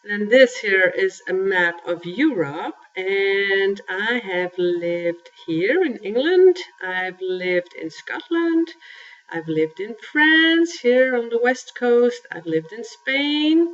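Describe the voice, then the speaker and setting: A woman's voice: medium pitch, lively intonation, slow pace, far from the mic, highs cut off. A woman from Belgium giving a chatty presentation on cultural greetings, pointing to slides as she goes. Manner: chatty, friendly, talks with filler and restarts.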